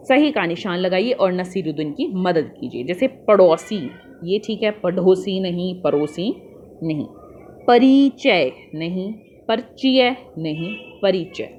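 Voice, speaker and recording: A woman teacher patiently guides young children through a worksheet, spelling the answers out slowly and calling her pupils "beta." Her voice is medium-pitched, with slight background noise.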